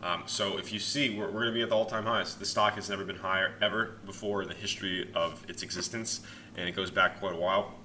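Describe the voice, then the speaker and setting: Bright, low-voiced young man talking markets. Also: steady tone, fast. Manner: informal, chatty, hedges his opinions. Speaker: host of a stock market analysis channel. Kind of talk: casual market commentary to viewers. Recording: faint background noise.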